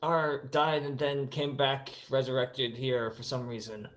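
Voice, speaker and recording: A man's voice: medium pitch, little pitch movement, a little slow, fairly bright tone. A man playing a tabletop game, talking casually in character in a rambling, apologetic way.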